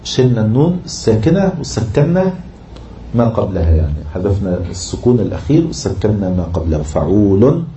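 A man with an Egyptian accent teaching a lesson on poetic meter, slowly chanting the scansion of verses as he explains. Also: lowish voice, lively intonation, mellow, a little hiss or hum. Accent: Egyptian Arabic. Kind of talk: Arabic prosody lesson. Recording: roomy, muffled lo-fi recording.

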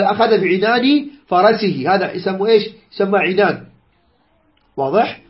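A man teaching a lesson on jurisprudence, explaining a text unhurriedly, repeating key phrases and pausing with drawn-out "aah" sounds. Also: high voice, muffled recording.

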